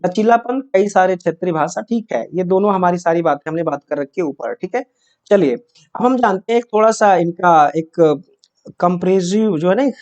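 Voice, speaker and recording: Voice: mid-range voice, a little mellow, dull audio. A teacher giving an exam-prep grammar lesson, asking questions and answering them, checking in with short tags. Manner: repeats key points and checks with "है ना" and "yes or no".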